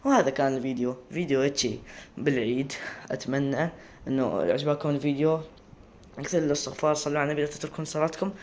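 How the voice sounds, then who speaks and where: A man's voice: medium pitch, racing, a little mellow, slight background noise. A man with an Iraqi accent talking casually to camera, rambling and often breaking off to restart words. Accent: Iraqi Arabic. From Iraq. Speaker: video creator.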